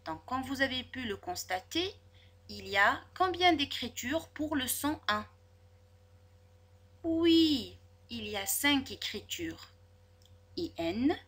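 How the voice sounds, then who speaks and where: A woman teaching a spelling lesson to children, sounding out each word slowly and clearly, syllable by syllable. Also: on the high side, bright, forceful tone. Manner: slow, over-articulated, syllable by syllable.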